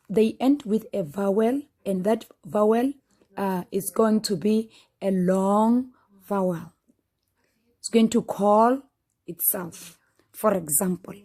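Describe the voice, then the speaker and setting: Patient woman teacher, slow deliberate phonics delivery, mid pitch. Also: a little mellow. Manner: slow, patient, repeats sounds aloud. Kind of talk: phonics lesson for children.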